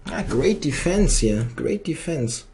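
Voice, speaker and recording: A man giving live think-aloud chess commentary on his own blitz game, halting and muttering to himself as he thinks. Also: fairly high pitch, big pitch swings, a little mellow.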